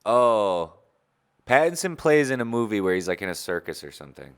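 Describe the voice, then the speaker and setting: A man co-hosting a casual podcast chat, rambling and joking with loud outbursts. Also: on the low side, very animated, brisk, clean tone. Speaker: podcast co-host.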